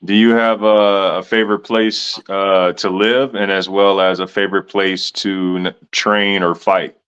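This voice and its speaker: A man hosting an interview, asking questions in a relaxed, laid-back way. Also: low-pitched, unhurried, smooth. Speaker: podcast host. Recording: dull lo-fi sound.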